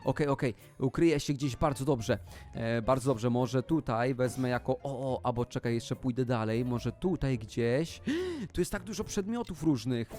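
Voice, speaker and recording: A man hosting a gaming video, commentating excitedly as he plays and often breaking into loud, high exclamations. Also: normal speed, soft background music.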